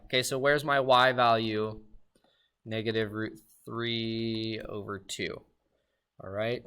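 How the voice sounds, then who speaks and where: A man giving a recorded math lesson, upbeat and talking straight to his students with quick questions. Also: mid-range voice, a bit bright, clear, resonant tone. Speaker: math teacher.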